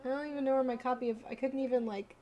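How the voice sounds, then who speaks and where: Her voice sits high, a little mellow, with fairly even intonation and a rapid-fire delivery as this woman hosts a livestream. She alternates between chatting informally with viewers, speaking straight to them, and reading children's bedtime stories aloud.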